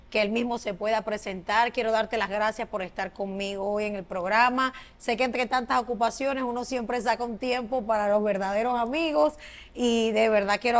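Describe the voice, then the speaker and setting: Effusive woman host with gravelly edge. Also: a little high. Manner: effusive, admiring and affirming. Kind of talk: casual interview.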